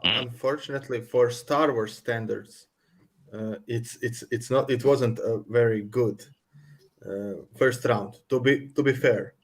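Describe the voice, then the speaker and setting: Male podcast co-host, mid pitch, halting casual delivery. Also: steady tone, slightly rough. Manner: hesitant, many ums and restarts. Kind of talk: casual panel chat.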